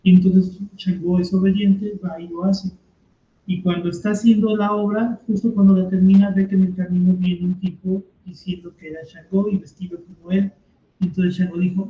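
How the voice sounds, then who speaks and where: High-voiced man teaching in a roomy space. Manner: conversational, frequent rhetorical questions. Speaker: teacher leading a commented reading. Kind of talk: explanatory lecture. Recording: roomy, dull lo-fi sound.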